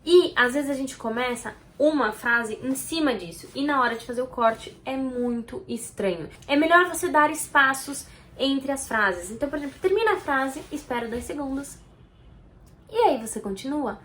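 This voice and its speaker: Brazilian woman, slightly high voice, expressive direct-address tutorial host. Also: moderate pace. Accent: Brazilian Portuguese. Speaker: video editor giving on-camera tips.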